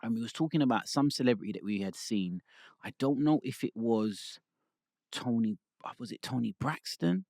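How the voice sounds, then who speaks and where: A man, hosting a relaxed, bantering podcast chat. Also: medium pitch, normal speed, no room sound, studio quality. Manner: relaxed, laid-back banter with laughs. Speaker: podcast host. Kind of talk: casual chat.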